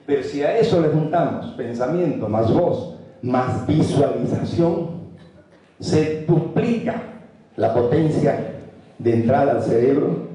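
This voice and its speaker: A man gives a lively motivational talk, his voice deep and mellow in tone. He repeats key words and acts out little scenes for his listeners. The sound is distant, caught from across a big echoing hall. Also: slow. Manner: animated, acts out examples and repeats for emphasis. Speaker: motivational speaker. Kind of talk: motivational talk to a university audience. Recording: echoey hall, speaker far from mic.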